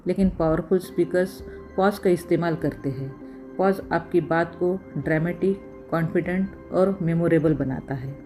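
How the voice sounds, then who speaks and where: In a voice on the low side, a woman delivers scripted voice-over narration, steady and instructive, as she counts off communication tips by number.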